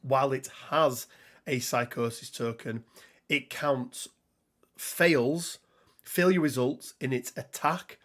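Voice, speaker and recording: A man's voice: mid-range voice, slow, a bit bright. A man hosting a casual tabletop game talk, rambling and laughing as he reads card text, his voice a little worn. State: slightly losing his voice. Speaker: podcast host.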